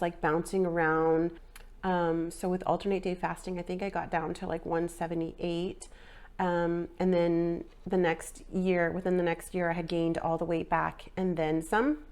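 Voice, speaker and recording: A fitness vlogger in her forties, slightly nasal after a sinus infection, rambles casually through a personal fitness update. Her voice is fairly low and a little mellow, and she leans heavily on fillers, with lots of ums and likes.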